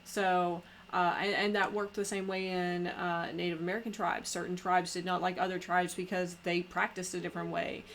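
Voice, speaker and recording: A woman hosting a podcast in casual conversation, talking haltingly with many pauses and restarts. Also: lowish voice, flat delivery, a bit bright, a little hiss or hum. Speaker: podcast host.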